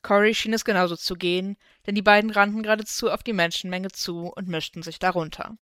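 Smooth, close woman narrating a story. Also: medium pitch, steady tone, quick pace, a bit bright, dry recording. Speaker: fanfiction reader. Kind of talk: scripted narration of a fan story.

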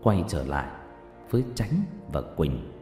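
A man's voice: very animated, a little slow, mellow, faint music behind. A man narrating a horror story in a dramatic, storytelling manner. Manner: dramatic, sweeping pitch. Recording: echoey room with long reverb.

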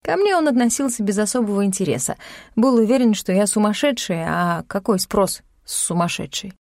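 A woman narrating a first-person novel as an audiobook, calm, wry and even-paced. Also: mid-range voice, fairly quick, no room sound. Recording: dry close studio sound.

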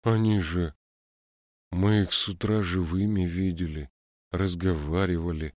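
A shaken young street urchin, voiced by a male narrator, firm in his words yet bewildered. His voice sits close to the narrator's own deep tone. The read is close and dry. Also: steady tone, measured pace, a little mellow, dry recording.

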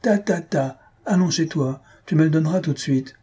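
A man's voice: fairly high pitch, normal speed, dark tone, slightly rough, voice pushed up. A man voicing an irascible old concierge who bellows accusations in a blustering way. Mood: angry accusing.

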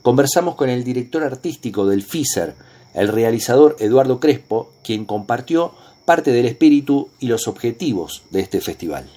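Argentine man reading radio news, mellow voice. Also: medium pitch, lively intonation, normal speed. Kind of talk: scripted radio news narration.

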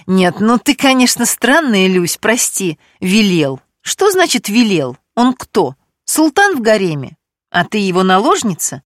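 A woman's voice: medium pitch, very animated, a little slow, dry recording, clean studio sound. A woman reading an audiobook, voicing a brash, scheming female friend in a raised, pushy voice.

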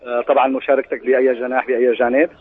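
A man with a Syrian Arabic accent doing halting live field interviews for radio over a muffled line. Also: medium pitch, level tone. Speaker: field reporter.

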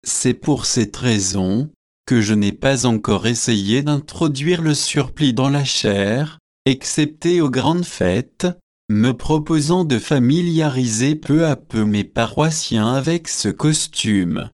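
A solemn young clergyman who holds forth at an unhurried pace, read by a man. He sounds pompous and pleased with himself. The sound is dry and close. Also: medium pitch, a little mellow, no echo, lightly acted. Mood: earnest. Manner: grave, self-satisfied delivery. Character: earnest young male curate, pompous.

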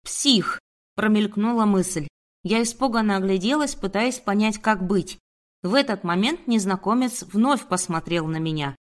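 Woman narrating in a steady voice. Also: medium pitch, normal speed. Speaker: audiobook narrator. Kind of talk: first-person scripted narration.

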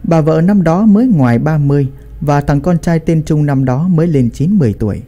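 Man, storyteller, lively pitch, very dark mellow tone, scripted narration. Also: fairly quick. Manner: expressive storytelling.

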